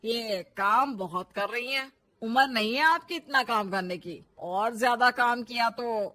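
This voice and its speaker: A woman's voice: fairly high pitch, a little slow, sharp tone. A woman voicing a concerned older father-in-law in a cartoon story. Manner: concerned, advising.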